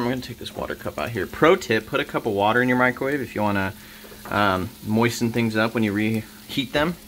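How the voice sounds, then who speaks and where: Young man chatting in a home kitchen. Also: medium pitch. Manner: chatty, offhand, lots of fillers. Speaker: home cooking vlogger. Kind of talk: casual cooking vlog. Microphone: camera on the counter, across the kitchen. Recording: roomy, distant camera audio with noise.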